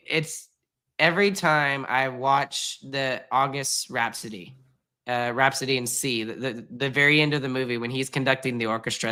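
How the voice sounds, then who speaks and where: Bright, resonant-voiced gushing man. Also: medium pitch. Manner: emphatic and gushing, urges listeners. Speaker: podcast co-host; junior high music teacher. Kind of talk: casual podcast chat.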